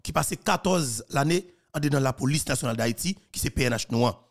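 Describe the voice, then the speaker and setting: A man's voice: medium pitch, animated, brisk. A man in his thirties with a Haitian accent, giving earnest commentary into a studio mic in a small room. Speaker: news commentator. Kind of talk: commentary on a played clip. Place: small plain room, indoors. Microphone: studio mic on a boom, wearing headphones.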